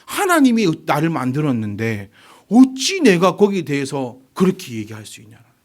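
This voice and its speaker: Animated preaching man in his forties. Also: a little high, a little fast. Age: 40s. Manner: animated, fires rhetorical questions at the congregation. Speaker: pastor. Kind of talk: sermon.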